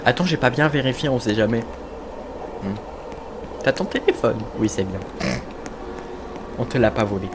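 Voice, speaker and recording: A man's voice: mid-range voice, expressive, normal speed, pauses often. A man casually commenting on his own gameplay, chatty and self-mocking, talking to his viewers. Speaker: gamer. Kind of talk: casual let's-play commentary. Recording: noticeable background noise.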